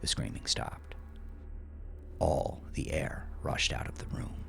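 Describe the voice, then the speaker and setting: Narrating dark, violent fiction, a man speaks slowly and theatrically, swinging between hushed and forceful. Heavy background noise runs underneath.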